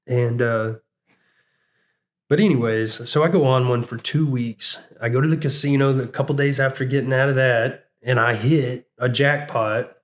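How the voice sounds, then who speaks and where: A man's voice: medium pitch, fairly even intonation, moderate pace. Guy in his 30s rambling through his story on a podcast, voice jumps up when he quotes himself. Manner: rambling, fillers like "you know what I'm saying"; acts out his own past words in a raised voice. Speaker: podcast guest. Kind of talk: casual storytelling.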